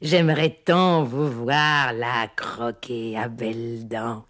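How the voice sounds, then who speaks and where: An actress voicing a wicked queen disguised as an old witch, sly and wheedling, in a storybook recording with soft music behind. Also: very deep voice, steady tone, slow pace, exaggerated voice. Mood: coaxing. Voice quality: creaky, husky old crone voice.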